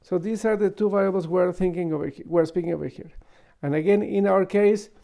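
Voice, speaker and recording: A man's voice: high voice, fairly quick, gravelly, warm tone. A man with giving an informal Talmud lesson, explaining step by step with rhetorical questions and asides. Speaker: Talmud teacher.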